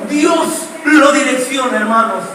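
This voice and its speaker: A man from Honduras preaching a shouted sermon in church with a Honduran accent, calling out "beloved brothers" between phrases and dropping to hushed asides. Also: extremely high pitch, a little slow, background noise. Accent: Honduran Spanish. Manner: repeats "hermanos amados" between every phrase. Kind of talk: shouted Pentecostal-style sermon. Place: church hall. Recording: echoey church from a distance.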